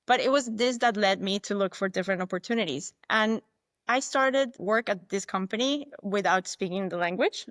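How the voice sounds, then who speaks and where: In a clean, dry studio recording, a woman with a mid-range, fairly bright voice talks at a moderate pace. She's a guest for whom English is a second language, and her reflective storytelling is candid, full of restarts and self-quotes.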